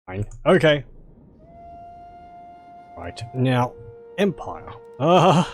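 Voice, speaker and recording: A man gives casual commentary on a strategy game, thinking out loud with a joking streak. His mid-pitched voice rises and falls in a lively way, with faint music behind it. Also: drawn-out words. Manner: musing aloud, joking. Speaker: gaming video host.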